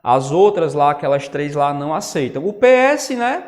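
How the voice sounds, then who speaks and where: A man's voice: fairly high pitch, big pitch swings, normal speed, darkish tone. A man teaching a grammar lesson who explains step by step and keeps checking in with his students. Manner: explanatory, says "né?" and "ó" often. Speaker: Portuguese teacher. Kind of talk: online lecture on grammar. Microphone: writing on a tablet while talking. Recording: long reverb.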